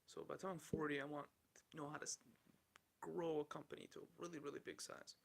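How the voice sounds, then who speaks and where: A man's voice: on the high side, level tone, fast, creaky. A man in his thirties hosting a solo podcast, rambling candidly through the news and swearing casually. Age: 30s. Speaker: podcast host.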